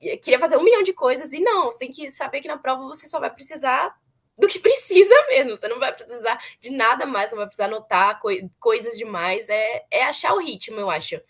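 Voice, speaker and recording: A woman's voice: high-pitched, animated, quick pace, husky. A young woman chatting earnestly as an interviewee, repeating words for emphasis. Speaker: former student interviewee. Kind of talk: casual interview chat.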